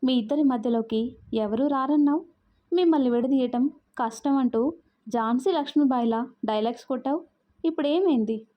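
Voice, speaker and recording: A woman's voice: high voice, moderate pace, natural voice. A woman voicing a scheming, jealous young woman in a narrated audio love story, in a sly and taunting manner. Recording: muffled lo-fi audio.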